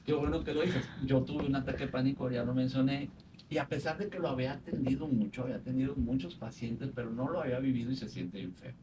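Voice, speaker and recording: Calm psychologist man, distant mic. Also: mid-range voice, fast talker. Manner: calm, explanatory, retells patients' words. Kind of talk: conversational explanation on a podcast. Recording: faint noise, distant from mic.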